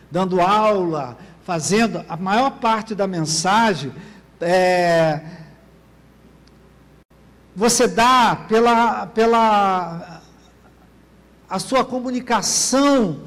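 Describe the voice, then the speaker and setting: This pastor's voice is high and slightly bright as he delivers his sermon inside a church. Again and again he asks the congregation for an amen with "Amém, querido?", all of it ringing in long church reverb.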